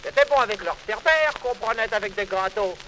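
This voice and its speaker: A man's voice: high voice, lively intonation, fairly quick, pushed and bright, a little hiss or hum, poor audio. A man voicing a stern, scolding old saint who guards the gate of heaven in a recited poem. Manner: gruff, scolding.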